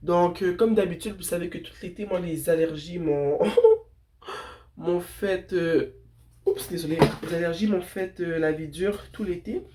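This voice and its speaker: A woman's voice: lowish voice, a little slow, noisy background. A woman with a blocked, sniffly nose and a nasal voice chats casually and affectionately to viewers as a tarot reader giving spiritual guidance. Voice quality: congested, nasal. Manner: informal, affectionate address to viewers.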